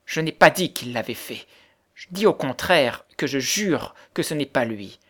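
A man's voice: medium pitch, lively intonation, unhurried. Brief: a man playing a fierce grieving widow, harsh and accusing, in a storybook reading. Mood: scornful. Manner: harsh, accusing, later softening into sobs.

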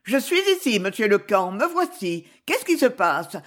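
A woman's voice: medium pitch, sing-song, normal speed. A woman reading an audiobook voices an anxious, breathless older lady who is pleading for her lost dog.

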